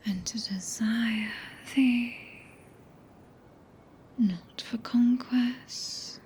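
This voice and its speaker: A woman acts out a solemn, tender witch mistress with a British accent. She whispers in archaic phrases, extremely slowly and intimately, with a soft, dark tone. It is an ASMR roleplay captured close on a binaural mic, over faint ambient noise. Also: fairly high pitch. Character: tender, possessive four-handed witch, solemn and regal mistress. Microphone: close binaural ASMR microphone.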